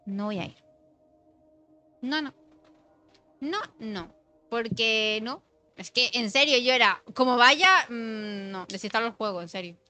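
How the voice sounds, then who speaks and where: A young woman talks to her stream chat while she plays, lively and expressive. Her voice sits a little high and sounds bright and forward. Faint music plays behind her. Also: unhurried, long pauses. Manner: chatty and expressive, reacting to chat. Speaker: gaming streamer. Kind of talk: casual live-stream chat while playing.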